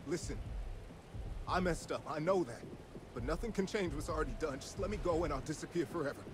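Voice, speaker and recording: An actor playing a streetwise beggar and small-time crook in a video game, informal, panicky and pleading. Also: male voice, fairly high pitch, fairly quick, noisy background, natural voice. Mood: desperate, pleading. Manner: streetwise, informal, stammering pleas. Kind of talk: video game character dialogue.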